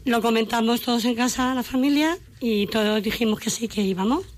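A woman's voice: fairly high pitch, fairly quick. Chatty middle-aged woman. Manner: warm storytelling, emotional, quotes family in dialogue. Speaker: radio guest. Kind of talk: casual radio chat.

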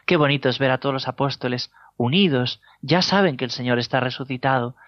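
A man with a Spain Spanish accent preaching a sermon as a priest, telling stories with gentle humor and chuckles. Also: mid-range voice, a little fast, no echo. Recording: dull lo-fi dry sound.

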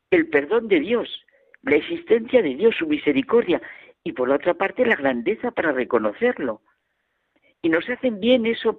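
A man's voice: high-pitched, husky. A man giving a reflective radio homily and telling anecdotes as a preacher. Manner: reflective, storytelling. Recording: phone-like radio sound.

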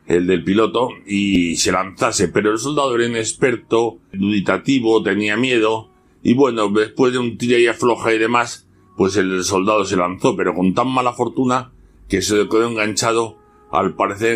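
A man appearing as a radio guest, casually retelling a story with relaxed fillers. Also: fairly low pitch, slight background noise. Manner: relaxed, with fillers like "bueno, pues".

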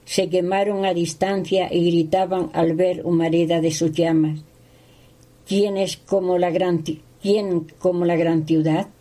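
A woman reading a Bible passage aloud at a steady pace, sometimes stumbling on a word. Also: on the low side, low-quality recording. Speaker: scripture reader.

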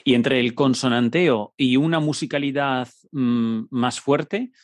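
Calm man hosting a radio show. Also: mid-range voice, slow, dry recording. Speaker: radio host.

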